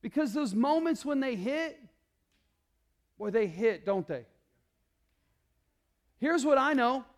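A male pastor preaching a sermon, calling out to the congregation and swinging between loud declarations and hushed, low passages. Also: animated, slow, long pauses. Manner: calls out to the congregation.

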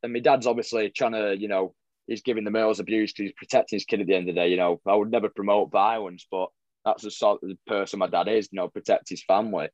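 A man's voice: on the low side, fairly even intonation, quick pace, darkish tone, no room sound, dull audio. A young man, a football vlogger telling stories in a rambling casual chat, full of restarts and fillers. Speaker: football fan vlogger, guest.

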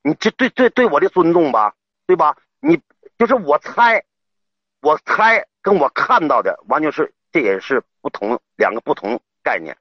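A man calling in to an advice show, telling his story in a halting way, stammering and repeating himself. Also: a little high, sing-song, slightly rough, no room sound. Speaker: caller. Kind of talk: emotional call-in confession. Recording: dull lo-fi call audio.

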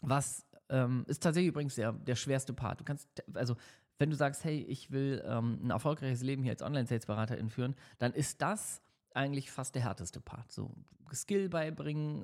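A man's voice: medium pitch, creaky, darkish tone. A man giving motivational career advice in a podcast, talking straight to the listener with many fillers and tag questions. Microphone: studio microphone.

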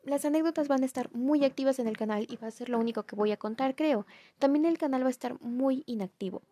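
A woman's voice: sits high, fast, dark tone. A young woman with a Mexican accent, casually telling a family story to viewers, chatty and self-mocking. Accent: Mexican Spanish. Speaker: vlogger.

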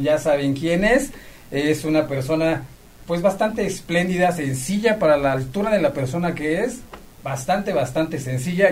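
A man's voice: fairly high pitch, a little mellow. A man presenting a live event as host in an effusive, courteous manner. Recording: distant mic, noisy room ambience.

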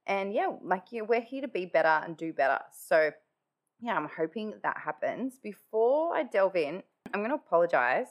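Just woken up, a woman hosts her own solo podcast, her voice nasal and congested as she chats casually and drops "like" again and again. She has a mid-range, sing-song voice at a moderate pace, and the recording sounds muffled.

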